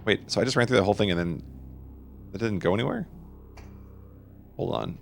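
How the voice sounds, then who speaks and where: A man's voice: lowish voice, lively intonation, brisk, creaky, a little hiss or hum. A man casually chatting with his viewers and answering their questions while he plays a game on a live stream. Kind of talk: live gameplay stream commentary.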